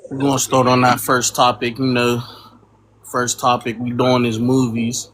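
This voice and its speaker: A man's voice: medium pitch, completely flat delivery, normal speed, fairly bright tone, slight background noise, rough recording. A man co-hosting a podcast, rambling in casual slang with lots of fillers and tag questions. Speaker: podcast co-host.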